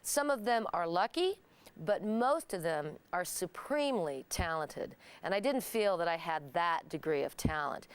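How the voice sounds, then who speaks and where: A middle-aged woman from Kansas, hosting a show and speaking clearly and deliberately for listeners learning English. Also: on the low side, lively intonation. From Kansas, United States. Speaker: host. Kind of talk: monologue to camera.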